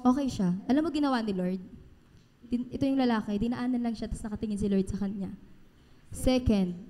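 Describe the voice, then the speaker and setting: A woman's voice: a little high, dark tone, a little hiss or hum. A woman with a Filipino accent preaching a sermon, mixing Tagalog and English and repeating key phrases with emphasis. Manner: mixes Tagalog and English, calls listeners "kapatid". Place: church hall. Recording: reverberant church hall.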